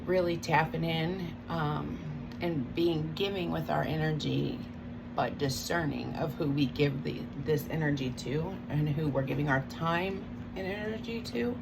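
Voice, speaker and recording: A woman's voice: sits low, unhurried, gravelly. A woman chewing gum while she gives a casual, hesitant, rambling spiritual talk as a tarot reader. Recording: loud background noise.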